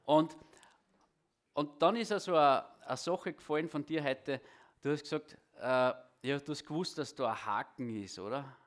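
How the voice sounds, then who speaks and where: A preacher giving a sermon and prayer in a church hall, speaking with a halting delivery that often repeats words. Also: male voice, on the high side. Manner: halting, repeats words, self-deprecating asides.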